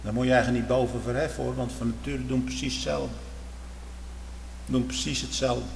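A man's voice: little pitch movement, brisk, creaky. Fervent preacher man in an echoey hall. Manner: fervent, swings from loud outbursts to low murmurs, rhetorical questions. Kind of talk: sermon. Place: church. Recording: echoey church hall, faint hum.

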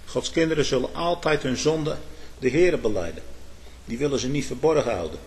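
A man preaching a sermon, swelling emphatically on key words and turning to his listeners with short asides. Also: a little fast. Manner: emphatic preaching with sudden swells in loudness and pitch; addresses listeners with "hoor" and "hm?".

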